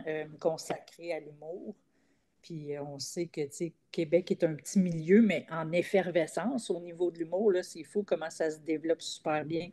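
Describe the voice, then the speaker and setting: A woman with a Quebec French accent talks casually as an interview guest. Her voice sits low and sounds warm and mellow. She pauses often on filler sounds as she goes. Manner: halting, frequent "euh" fillers. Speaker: comedian guest.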